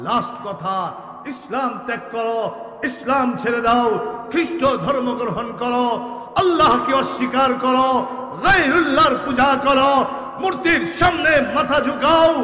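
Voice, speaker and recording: A man's voice: high voice, bright, forceful tone. A man voicing a stern, menacing king who issues escalating demands inside a sermon, heard in a long-echoing hall. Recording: echoey hall, long reverb.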